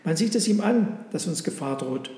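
A man's voice: high voice, expressive, moderate pace, dark tone. A man voicing a worried but determined young mother in a storybook reading, speaking anxiously yet firmly. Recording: roomy with long reverb.

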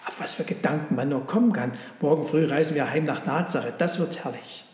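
A man voicing a calm, kind father and carpenter in a storybook reading, speaking reassuringly. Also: on the high side, a little fast, lightly acted. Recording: roomy with long reverb.

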